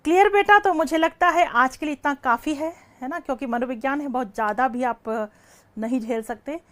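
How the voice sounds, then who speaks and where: Woman teacher, high voice, live class lecturer who quizzes and answers herself. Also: fairly quick, a bit bright. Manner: asks questions then answers them herself; calls students "beta" affectionately.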